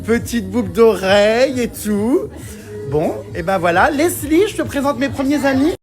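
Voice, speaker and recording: A man hosting a vlog, giving excited commentary indoors in museum rooms, with exuberant, theatrical exclamations. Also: very high voice, moderate pace, faint music behind. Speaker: vlog host.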